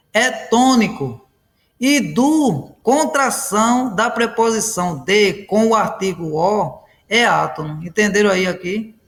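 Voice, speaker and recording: A man teaches a grammar lesson, going over each point repeatedly and checking in with students, often saying "ok?" and "pessoal". His voice is high and fairly bright.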